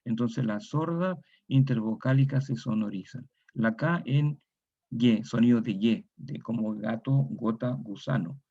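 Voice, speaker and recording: A Chilean man delivers a methodical lecture in a dark, husky voice with a gravelly edge. He repeats each example word and adds tag questions as he goes. The recording sounds dull and lo-fi. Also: medium pitch, measured pace. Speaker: university lecturer.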